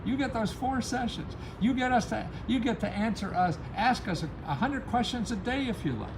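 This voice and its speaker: His voice is very high with lively intonation and a moderate pace, set against a noisy background. The man hosts a grant-help advice channel in a loose, rambling, motivational style, speaking emphatically and often laughing at his own remarks.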